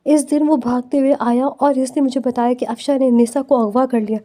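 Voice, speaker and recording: A woman's voice: high-pitched, steady tone, lightly acted. A woman reading the lines of a stern, commanding older man in an audiobook novel, barking orders at his brother. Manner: commanding, shouts when angry.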